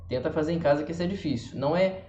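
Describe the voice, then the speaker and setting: A Brazilian man teaching English pronunciation, slowly repeating example words again and again. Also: on the high side, dark tone, slight background noise. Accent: Brazilian Portuguese. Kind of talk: pronunciation lesson. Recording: echoey room, dull lo-fi sound.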